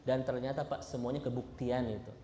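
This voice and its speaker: A man's voice: mid-range voice, steady tone, fairly quick, warm tone, a little hiss or hum. Man preaching in an echoey hall. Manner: addresses congregation constantly with "Pak" and "Bu"; asks the audience rhetorical questions. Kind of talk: sermon. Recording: echoey hall, faint ambience.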